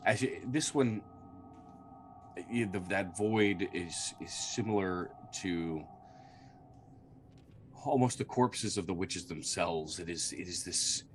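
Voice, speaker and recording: A man's voice: sits low, a little hiss or hum. A man acting as game master, improvising narration for a tabletop role-playing game.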